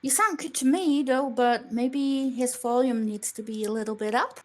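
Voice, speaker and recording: A fairly high-voiced woman hosting a live online show over a push-to-talk mic. She is bubbly and playful, often restarting her sentences as she chats with her guest. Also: moderate pace. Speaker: show host. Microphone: push-to-talk voice chat mic.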